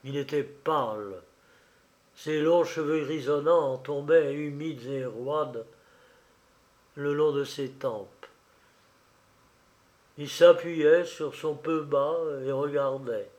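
A slow, measured male storyteller. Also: a little high, darkish tone. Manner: measured, dramatic reading. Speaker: audiobook narrator. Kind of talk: scripted narration of a novel.

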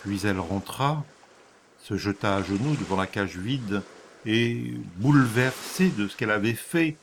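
Slow, dramatic male storyteller. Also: on the low side, animated, slight background noise. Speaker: narrator. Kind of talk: literary story reading.

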